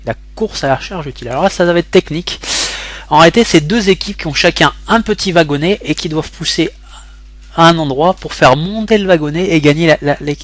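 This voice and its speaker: A man's voice: on the high side, no room sound. Rambling young man narrating gameplay. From France. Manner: rambling, many fillers and restarts. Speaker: gaming tutorial host. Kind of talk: casual gameplay commentary tutorial.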